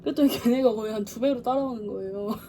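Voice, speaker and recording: A young woman tells a story to her vlog audience in a fairly high voice. She is animated and acts out quotes, sometimes shouting and sometimes whispering. Faint noise sits under the recording. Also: fast. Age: 20s. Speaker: vlogger. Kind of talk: casual storytelling.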